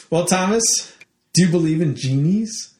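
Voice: medium pitch, a little mellow. A co-host in casual chat, reacting with teasing jokes. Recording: echoey room.

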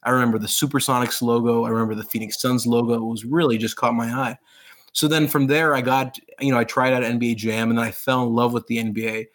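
A man's voice: mid-range voice, flat delivery, fast talker, fairly bright tone. A man in his thirties who grew up in Pakistan, an author telling his story eagerly in a casual interview, rambling with fillers and restarts. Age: 30s.

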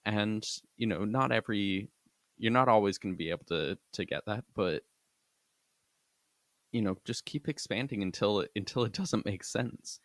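A man's voice: fairly low pitch, moderate pace, no echo. A man co-hosting a casual sports podcast, earnestly arguing his view at length. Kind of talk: casual rugby talk.

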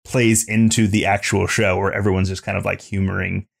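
A man with a somewhat low voice co-hosts a casual podcast. He thinks aloud, stopping and restarting, padding with "like" and "um". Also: level tone, vocal fry. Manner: halting, searching for words, many fillers. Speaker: podcast co-host. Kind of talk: casual chat reviewing a show.

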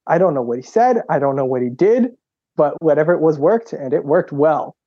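A young man and interview guest telling stories in an animated way, acting out what people said with a raised voice. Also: a little fast, no room sound. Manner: lively storyteller who acts out quotes with a raised pitch. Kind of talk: animated storytelling in conversation. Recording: slightly dull lo-fi audio.

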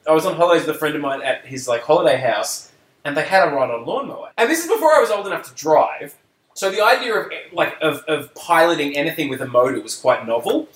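A man's voice: a little high, fast talker. A man co-hosting a podcast, chatting casually about a movie, telling stories and laughing often. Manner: animated, storytelling, laughs often. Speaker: podcast co-host. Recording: echoey room.

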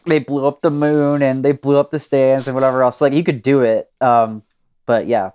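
Fields: excitable young man rambling. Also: medium pitch, moderate pace, clean tone. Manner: excited, rambling, full of fillers and swearing. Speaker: podcast co-host. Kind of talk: casual story brainstorming.

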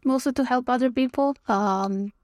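Woman from Croatia as podcast guest, relaxed chat, laughs a lot, dry close mic. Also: high voice, moderate pace, no room sound. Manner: friendly, laughs often, many fillers. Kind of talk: casual chat.

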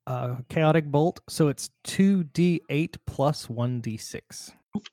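A man's voice: fairly high pitch, takes it slowly, no echo, studio quality. Man running a tabletop game. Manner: relaxed, chatty rules explanations. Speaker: game master.

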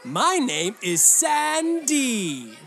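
A woman playing a perky, childlike party clown sidekick with a drawn-out singsong delivery for children. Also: high voice, wildly swooping pitch, gravelly, fairly bright tone, soft background music, full character voice. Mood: perky, playful.

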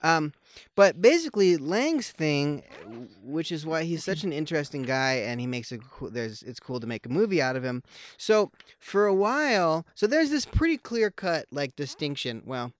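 Podcast co-host, male: easygoing rambler, smooth and resonant voice, close and dry. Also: fairly high pitch, very animated, normal speed, no room sound. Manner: rambling, with many fillers and restarts; joking, wry. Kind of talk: casual conversational film chat.

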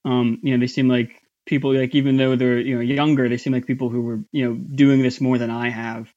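A man guesting in a casual interview about his voice acting work, talking in a halting way with many fillers and restarts. His voice is somewhat high. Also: flat delivery, a little mellow, muffled recording. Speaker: voice actor guest.

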